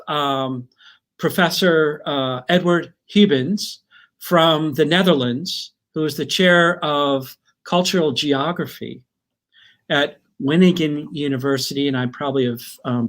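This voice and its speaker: Slightly high-voiced male host, hesitant and friendly. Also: a bit bright. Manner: friendly, hesitant with many fillers. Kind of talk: event introduction.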